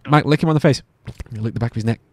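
A man streaming a co-op game with friends, joking loudly and laughing often. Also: mid-range voice, very fast, no room sound. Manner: jokey, loud outbursts, frequent laughing. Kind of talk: excited gaming banter.

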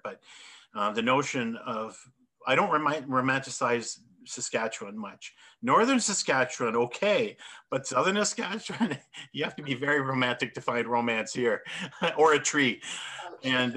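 Forceful and bright, this middle-aged man's mid-range voice comes through a video call webcam from his home office, where bookshelves and plants fill the room. As an artist presenter in a panel discussion, he reflects aloud, moves his hands while speaking, and often corrects himself.

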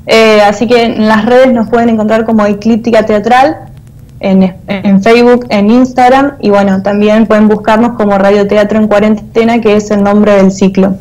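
Over a video call with poor audio, this Argentine-accented woman in her thirties talks through an earphone mic. Her voice is medium-pitched, steady and somewhat dark, at a normal pace, as she answers interview questions conversationally as a guest who works as a theatre artist and teacher.

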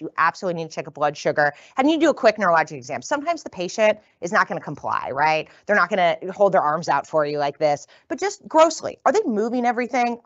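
A woman from the northern United States lecturing as a physician, talking fast and casually and often tagging her points with "right?". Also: lowish voice, no room sound, dull audio. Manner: quick, conversational, tags lines with "right?". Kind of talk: continuing-education lecture. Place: lecture room.

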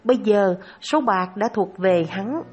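Lady reading out a buddhist moral story, calm steady telling, soft music playing low under it. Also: measured pace, lo-fi sound. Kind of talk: narrated Buddhist moral tale. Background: soft instrumental music.

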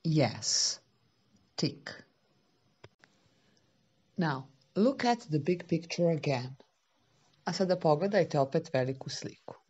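A woman, a native Serbo-Croatian speaker, teaching small children slowly and simply as if reading to a toddler, with patient questions and repetition. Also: low voice, expressive, a little mellow, slightly rough, highs cut off. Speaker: English teacher for young children.

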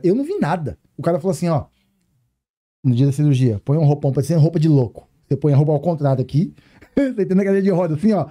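Fast, dark-voiced Brazilian storyteller man. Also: on the high side. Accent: Brazilian Portuguese. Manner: animated, slangy, acts out dialogue. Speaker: podcast guest. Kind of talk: casual storytelling chat.

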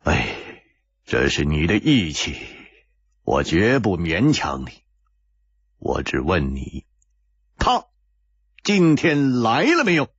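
A man voicing a calm, wise male swordsman hero in a pingshu audiobook, speaking in a measured, weighty way with sighs. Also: sits low, vocal fry, breathy edge, no echo, lo-fi sound, pitched below the performer's own voice, full character voice. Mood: earnest. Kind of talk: pingshu storytelling.

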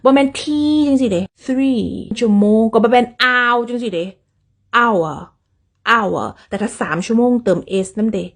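A woman with an Isan Thai accent giving a casual English lesson, chatty, acting out little dialogues and repeating English words slowly. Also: on the high side. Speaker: English teacher.

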